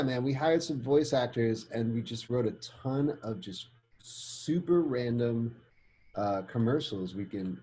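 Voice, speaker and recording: A man's voice: on the low side, dark tone, a little hiss or hum, poor audio. A man chatting casually as an interview guest. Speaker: interview guest, film composer. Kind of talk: casual chat.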